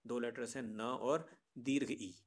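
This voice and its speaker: A man's voice: mid-range voice, fairly even intonation, unhurried. A man teaching a grammar lesson, patiently explaining to children and often asking rhetorical questions. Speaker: Sanskrit teacher.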